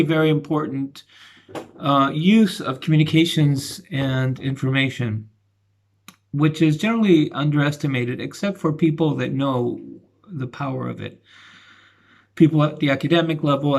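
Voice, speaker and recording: A middle-aged man talking through a casual video commentary, halting and restarting often. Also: on the high side, gravelly. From grew up between the United States and Argentina. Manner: halting, many restarts and fillers. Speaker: channel host giving commentary.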